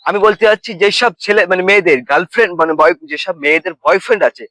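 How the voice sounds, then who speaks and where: A man's voice: high-pitched, very fast, pushed and bright, no echo. A young man with a Bengali accent who rambles through a comic monologue, fumbling his words and slipping into sing-song lines and mock wailing. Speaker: comedy vlogger.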